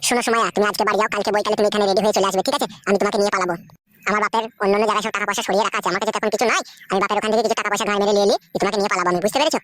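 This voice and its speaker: A woman's voice: mid-range voice, fairly even intonation, racing, no room sound, voice pushed down, lightly acted. A woman voicing a young village man in a comic cartoon, muttering his boastful plans to run off with a girl. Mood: scheming. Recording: noisy homemade recording.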